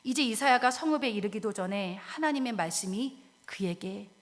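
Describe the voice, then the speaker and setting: A woman pastor preaching a sermon, dramatic, dropping to hushed whispers and rising to loud cries while she asks the congregation direct questions. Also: mid-range voice, lively intonation, moderate pace. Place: church sanctuary. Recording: long reverb of a church hall.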